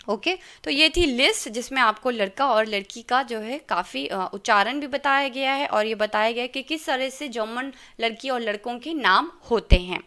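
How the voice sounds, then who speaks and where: A woman's voice: fairly high pitch, moderate pace, pushed and bright. A woman teaching German in an online lesson, patiently sounding out letters and explaining in Hindi mixed with English. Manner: patient, careful pronunciation, mixing Hindi and English.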